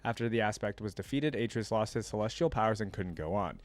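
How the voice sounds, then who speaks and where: In a fairly low, expressive voice and at a fast clip, a streamer reacts to game lore, reading it aloud and tossing in casual, offhand remarks.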